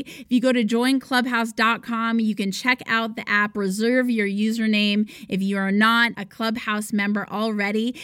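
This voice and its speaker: A woman hosting a podcast in casual chat, bubbly and excitable, often calling things crazy. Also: on the high side. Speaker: podcast host.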